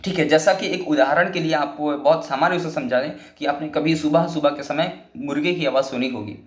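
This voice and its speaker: A man's voice: a little high, fairly quick, roomy sound. A man teaching a Sanskrit lesson, patiently explaining and restating each point several times.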